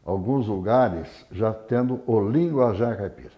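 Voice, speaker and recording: A man's voice: lowish voice, lively intonation, a little slow, lo-fi sound. A man São chatting casually as an interview guest, in short phrases. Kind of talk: casual conversation.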